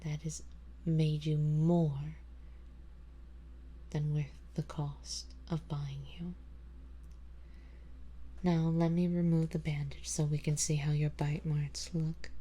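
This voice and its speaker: This ASMR roleplay audio drama features a woman voicing an ancient, wealthy female vampire in an exaggerated, low-pitched voice, speaking to the listener. She sounds tender and doting, composed and quietly possessive, with formal, measured words delivered slowly, softly, and breathily, often fading to whispers.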